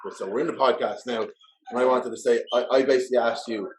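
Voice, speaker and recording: A man's voice: medium pitch, fairly even intonation, quick pace, darkish tone, a little hiss or hum, low-quality recording. A man hosting a casual podcast interview, asking eager questions and swearing freely. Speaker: podcast host.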